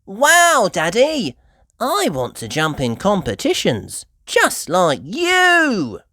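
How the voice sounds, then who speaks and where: A woman voicing an excitable, earnest little girl pig with wide-eyed exclamations in a children's storybook read-aloud. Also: medium pitch, takes it slowly, no echo, studio quality, pitched above the performer's own voice, heavily acted. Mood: excited, eager.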